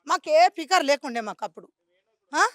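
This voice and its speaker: A woman with a strong Telangana accent pours out an impassioned complaint to a street reporter, pleading and repeating herself. Her voice sits very high and sounds sharp and forceful. The sound is dry and close, with no room echo. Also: animated, brisk. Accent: Telangana Telugu. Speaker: local resident interviewed on the street.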